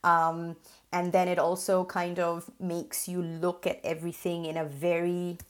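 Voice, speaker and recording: A woman's voice: fairly low pitch, little pitch movement, a little slow. A woman from Singapore, a guest on a podcast interview, talking in a chatty way with fillers and frequent laughs.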